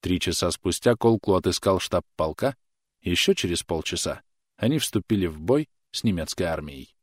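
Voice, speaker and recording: Low-voiced male audiobook narrator. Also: animated, moderate pace, breathy edge, dry recording, studio quality. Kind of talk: scripted narration.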